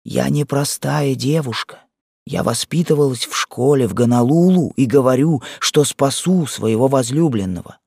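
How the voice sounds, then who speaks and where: A man's voice: medium pitch, moderate pace, creaky, a little mellow, husky, no room sound, studio quality, pitched above the performer's own voice. A man voicing a fierce devoted young wife. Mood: resolute. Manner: raised, emotional, pleading delivery. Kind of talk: audiobook character reading.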